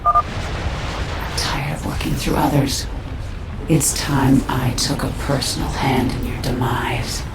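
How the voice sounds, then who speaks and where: A woman's voice: a bass voice, slow pace, pauses often, heavily acted. A woman playing a menacing, contemptuous alien swarm queen in a video game, speaking in an imperious, threatening way. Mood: cold menace. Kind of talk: dramatic video game villain acting. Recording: echoing voice over noisy battle ambience.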